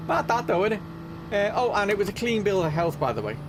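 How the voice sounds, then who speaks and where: Gravelly man telling a story. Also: sits high, very animated, fast, background noise. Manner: chatty, keeps adding "right?" and "you know what I mean?". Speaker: live-stream host. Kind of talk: casual anecdote telling.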